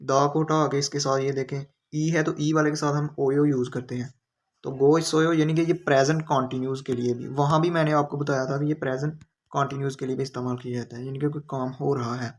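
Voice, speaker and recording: Patient man explaining in a flat voice. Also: mid-range voice. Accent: Pakistani Urdu. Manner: patient, repeats each word slowly with its meaning. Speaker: language teacher. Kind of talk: step-by-step lesson explanation.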